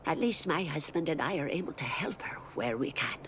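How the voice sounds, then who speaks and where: A woman voicing a game character, a mother sadly recounting a family's tragedy in soft, sorrowful dialogue. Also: low voice, lively intonation, a little fast, a little hiss or hum. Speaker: game character, a mother telling a sad story.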